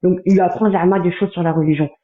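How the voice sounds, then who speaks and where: A man on a livestream, reading out chat messages in a running commentary with quick asides. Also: sits high, steady tone. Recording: tinny phone-like sound in a roomy space.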